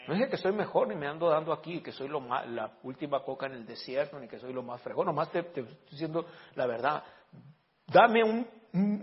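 A man preaching a sermon as pastor, lively, with frequent amens and rhetorical questions. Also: medium pitch, highs cut off.

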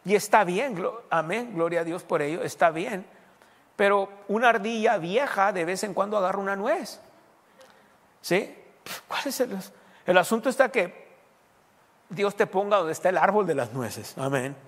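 A man preaching a sermon as pastor, animated and mimicking people's voices. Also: high-pitched, normal speed. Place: church. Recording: reverberant church hall.

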